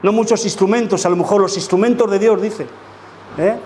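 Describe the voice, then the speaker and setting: High-voiced pastor preaching emphatically. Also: male voice, a little fast, a little mellow, a little hiss or hum. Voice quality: emphatic, full of rhetorical questions to the congregation. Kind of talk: sermon. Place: church.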